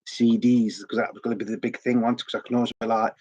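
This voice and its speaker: Talking fast in a medium-pitched, flat, slightly mellow voice, a middle-aged man with a sore throat hosts a record collecting vlog. The chat is casual and rambling, full of repeated words.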